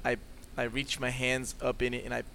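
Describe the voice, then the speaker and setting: A man's voice: mid-range voice, completely flat delivery, normal speed, creaky, bright, forceful tone, a little hiss or hum. A man playing a tabletop game, describing his character's moves with amusement. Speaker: player. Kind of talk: casual tabletop play.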